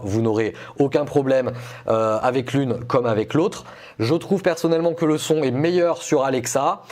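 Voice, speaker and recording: Male reviewer, mid-pitched, casual, explanatory, product review for viewers. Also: a little mellow. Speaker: tech reviewer presenting a video test.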